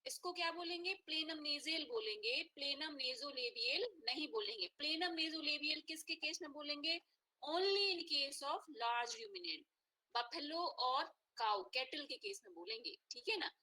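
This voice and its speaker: High-pitched, bright Indian woman lecturer. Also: expressive, slow, poor audio. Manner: teacherly, mixes Hindi and English, frequent check-ins. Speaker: veterinary anatomy lecturer. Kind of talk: online class lecture. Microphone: online class audio.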